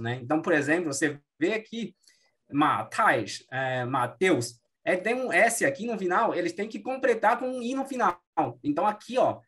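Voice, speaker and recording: A man's voice: high voice, a bit bright. Male teacher, patient. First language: Mandarin Chinese. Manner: explanatory, frequent "né" tags, self-corrections. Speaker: Mandarin teacher. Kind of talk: classroom explanation.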